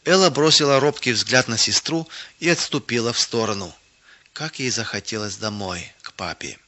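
A man calmly narrating a children's story in a steady, even reading voice. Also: medium pitch, normal speed. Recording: dull lo-fi recording.

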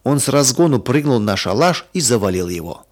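Calm man reading a children's story. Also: mid-range voice, a little fast. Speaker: narrator. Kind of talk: storybook narration.

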